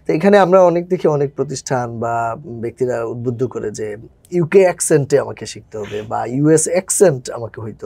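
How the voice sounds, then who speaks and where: A man's voice: medium pitch, vocal fry, mellow, breathy edge, no room sound. A man hosting an interview, asking thoughtful, slightly hesitant questions. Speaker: podcast host, interviewer. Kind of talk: casual interview.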